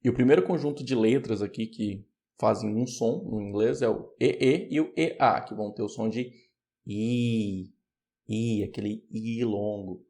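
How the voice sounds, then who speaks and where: A man with a Brazilian Portuguese accent teaching English pronunciation, patiently explaining and repeating words slowly. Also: on the low side, warm tone. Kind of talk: online pronunciation lesson.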